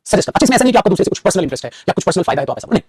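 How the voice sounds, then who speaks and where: A man's voice: high voice, racing, husky, no room sound, studio quality. A man teaching English grammar in an online class, coaxing and scolding his students and calling them 'beta'. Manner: animated, calls students 'beta', scolds and coaxes.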